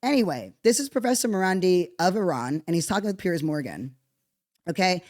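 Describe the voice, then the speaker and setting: A podcast host talking casually and bluntly, reacting to a played clip with frequent swearing. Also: female voice, lowish voice, fairly quick, dry recording, clean studio sound. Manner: blunt, profane, animated. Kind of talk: casual commentary on played clips.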